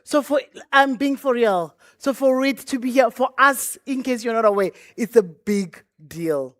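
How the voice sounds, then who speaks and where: A woman's voice: a little high, measured pace, a bit bright, dry recording, clean studio sound. A woman giving a closing speech at a launch event as a bank programme representative, earnest and chatty with repeated thanks and pleas. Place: event venue stage.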